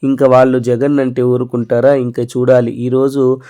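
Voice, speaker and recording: A man hosts a news channel and reads the stories in a brisk, steady news-reader style. His pitch sits in the middle range for a man. Now and then he slips into loose, offhand asides between the items. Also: smooth. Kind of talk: news narration.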